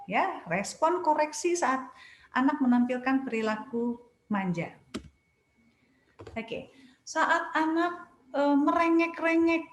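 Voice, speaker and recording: A woman's voice: high voice, animated, slow pace, pauses often, a little hiss or hum. A woman child psychologist giving parenting advice, patiently explaining step by step with everyday examples. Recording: roomy echo.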